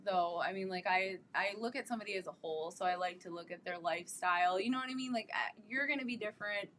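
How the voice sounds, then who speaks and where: A woman in her thirties is a guest on a podcast, talking casually and filling her sentences with "like" and "you know". Her voice is bright and forward. A faint hiss runs under the recording. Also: mid-range voice, fast talker. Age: 30s. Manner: chatty, many "like" and "you know" fillers.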